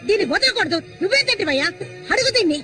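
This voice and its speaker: An actress playing a frantic village mother who wails and shouts accusations, heard on a film soundtrack. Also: very high-pitched, animated, fast talker, exaggerated voice. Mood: furious. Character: frantic, furious village mother defending her daughter. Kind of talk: film melodrama acting. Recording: film soundtrack with music and crowd.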